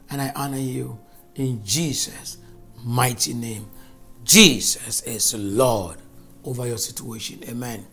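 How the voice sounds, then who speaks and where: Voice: medium pitch, a bit bright. A preacher giving a fervent, emphatic sermon and spoken prayer, repeating phrases for stress.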